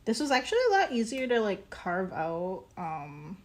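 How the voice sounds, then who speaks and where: A woman streaming her pottery work, chatting casually in a halting way, full of fillers and small laughs. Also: medium pitch, big pitch swings. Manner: halting, many ums and likes, laughs easily. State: hiccuping. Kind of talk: casual live-stream chat while working.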